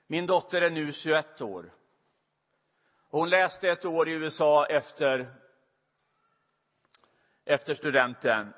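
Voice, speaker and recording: A man's voice: a little high, pauses often, a bit bright. A middle-aged man preaching a sermon, telling a personal story in a confessional way that grows emotional. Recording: long reverb of a large hall.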